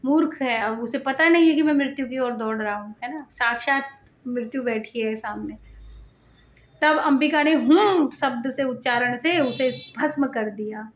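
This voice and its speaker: A woman's voice: sits high, a bit bright, echoey room, lo-fi sound, a little hiss or hum. A woman reciting a devotional scripture and explaining it in her own words, with frequent rhetorical asides.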